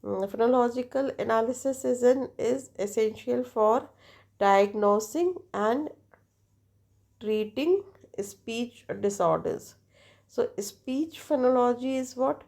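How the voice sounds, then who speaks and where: Halting woman lecturing, gravelly voice. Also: fairly high pitch, darkish tone. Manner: halting, with many fillers and restarts, switching into Hindi. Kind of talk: classroom lecture.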